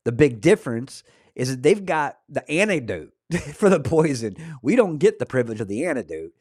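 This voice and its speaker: A man's voice: medium pitch, sing-song, moderate pace, a little mellow, dry recording, studio quality. A man in his forties hosting a podcast, talking casually in a rambling way and often saying "man". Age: 40s. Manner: rambling, peppers talk with "man". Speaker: podcast host. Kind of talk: casual conversation.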